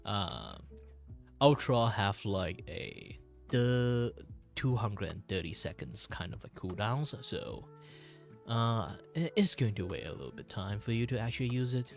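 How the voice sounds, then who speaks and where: A man chatting casually as a streamer, rambling and halting as he repeats his phrases. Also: on the low side, big pitch swings, creaky, faint music behind. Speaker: VTuber streamer. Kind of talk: casual livestream chat.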